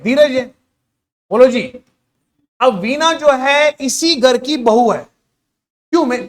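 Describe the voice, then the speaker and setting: A man's voice: very high-pitched, fairly bright tone. A man teaching a reasoning class for exam students, coaxing them to answer and repeatedly asking what the relation is. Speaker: reasoning teacher for government job exams. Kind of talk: classroom lecture explaining puzzles.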